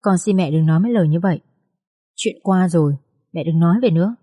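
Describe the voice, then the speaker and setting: A wounded young adult daughter in a spoken storybook, sobbing as she pleads with her mother, voiced by a woman narrator. Her voice is mellow and warm, recorded close and dry. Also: on the low side, quick pace, slightly rough, dry recording. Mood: pleading.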